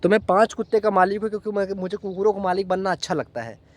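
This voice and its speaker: A man's voice: high-pitched, fairly even intonation, quick pace, dry recording. Playful Indian man with a lilt. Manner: playful, affectionate toward his dogs, coaxing and teasing. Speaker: vlogger. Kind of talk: casual vlog talk. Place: outdoors in the desert with dogs.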